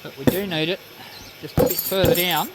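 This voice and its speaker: A man's voice: high voice, steady tone, a little fast. A man giving casual, matter-of-fact, step-by-step narration of hands-on metalwork. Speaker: DIY metalworking presenter. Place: home metal workshop. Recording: clear machinery noise in workshop. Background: saw running, clicks and machine noise.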